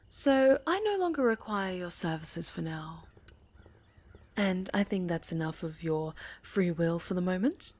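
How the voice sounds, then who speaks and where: In a fantasy ASMR roleplay, a woman plays a sinister, seductive necromancer villain. Her medium-pitched voice is soft-spoken and half-whispered, slow and deliberately menacing, savoring every pause.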